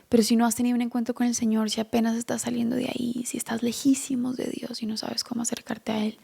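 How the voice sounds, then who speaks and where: Whispering woman with a gravelly, husky voice. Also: on the high side. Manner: hushed, mostly whispered storytelling; earnest, direct address to the viewer. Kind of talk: personal faith testimony.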